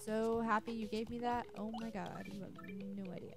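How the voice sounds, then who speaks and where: A woman's voice: on the high side, steady tone, moderate pace, creaky, over music. A woman giving casual gameplay commentary, thinking aloud and reacting with some swearing. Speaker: game streamer.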